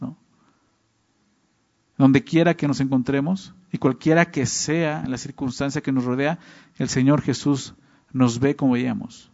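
Man, preacher, conversational sermon, tag questions, mid-pitched voice, dull lo-fi recording. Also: a little mellow. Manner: conversational, constantly checks in with "¿no?" and "¿verdad?". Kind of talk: Bible teaching sermon.

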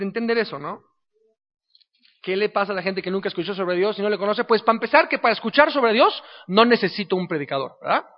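High-voiced preacher, chatty. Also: male voice. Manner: conversational, keeps asking the listener "¿no?". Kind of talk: casual teaching sermon. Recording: dull sound with long reverb.

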